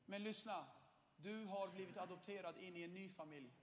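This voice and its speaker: A young man with a high voice preaches a lively, animated sermon, laughing now and then and breaking into shouted bursts. His voice rings with the long reverb of a church hall.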